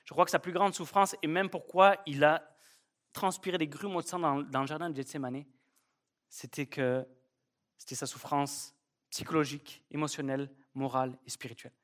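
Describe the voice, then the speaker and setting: A man's voice: fairly high pitch, steady tone, moderate pace, fairly bright tone. A man preaching a sermon at a church service, emphatic and fond of repeating key phrases. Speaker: pastor.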